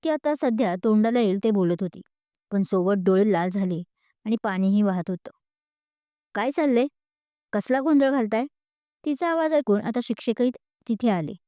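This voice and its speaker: A woman storyteller reading a serialized love story in a steady, expressive way. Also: mid-range voice, no room sound, clean studio sound.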